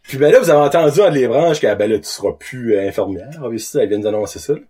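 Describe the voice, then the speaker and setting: A man hosting a casual interview, full of quick teasing banter. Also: mid-range voice, warm tone, slightly rough. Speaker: host.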